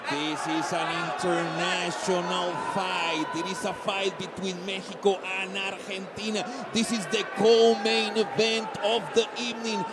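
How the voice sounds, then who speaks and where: A man giving live play-by-play fight commentary, excited and emphatic, with halting phrasing. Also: high voice, heavy background noise. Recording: loud arena music and crowd behind.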